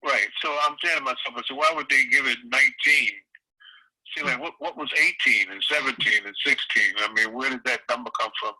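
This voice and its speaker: An older man talking calmly and reflectively in a casual interview over a phone line, with folksy phrasing and hesitant pauses. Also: medium pitch, slightly rough. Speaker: interview guest, community elder.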